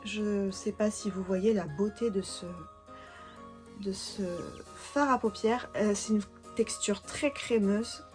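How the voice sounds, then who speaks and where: A young woman in a casual beauty haul video, chatting enthusiastically and often pausing with fillers as she shows her purchases. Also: on the high side. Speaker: beauty vlogger.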